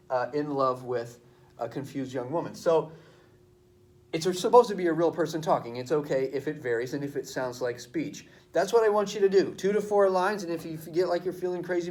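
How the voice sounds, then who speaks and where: A male teacher recording a video lesson for his students, explaining verse slowly and stressing syllables aloud. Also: on the high side, a little mellow.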